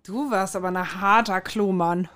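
A woman's voice: mid-range voice, fairly even intonation, normal speed, a bit bright. A woman interviewing casually, reacting with short amused questions.

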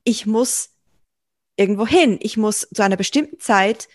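A woman hosts a conversational interview and weighs her words as she talks. Her voice is mid-pitched, and the recording is close and dry. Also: normal speed, no room sound. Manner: thoughtful, searching for words. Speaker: interview host.

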